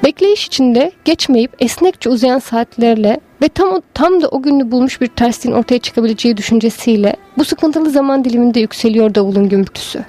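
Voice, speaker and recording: High-voiced woman reading a story. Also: dark tone. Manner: slow, measured and lyrical. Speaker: story reader. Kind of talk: literary narration.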